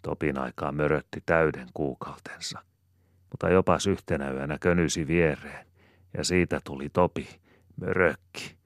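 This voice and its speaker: A man's voice: a bass voice, dry recording, clean studio sound. A man voicing a bustling, fond rural mother who rambles in homely chatter and croons lullabies to her baby.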